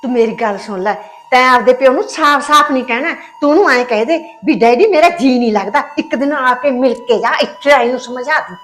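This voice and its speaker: An actress playing a bossy, sharp-tongued middle-aged mother-in-law in a short film drama, talking in a scolding, two-faced way. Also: sits high, a little fast, soft background music.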